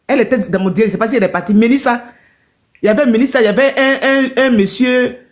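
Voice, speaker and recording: A woman's voice: on the high side, fast. Woman, live-stream storyteller, emotional and repetitive, talks straight to viewers.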